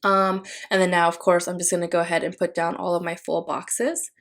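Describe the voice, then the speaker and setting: A young woman from the Philippines, whose first language is Tagalog, narrates a planner-decorating video from home as a planner vlogger. Her voice sits a little low and she talks slightly fast, in a relaxed, rambling way with lots of fillers and restarts.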